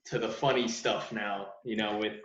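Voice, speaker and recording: A man's voice: lowish voice, steady tone, normal speed, fairly bright tone. Laid-back man hosting a podcast. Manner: laid-back, says "bro" and "dude". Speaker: podcast host. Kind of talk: casual interview chat. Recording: roomy, dull sound.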